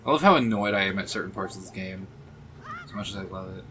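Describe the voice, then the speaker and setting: A man's voice: low voice, quick pace, fairly bright tone, slight background noise. A man streaming a video game, chatting casually with viewers and swearing freely at enemies. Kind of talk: casual live-stream chat while playing. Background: game music.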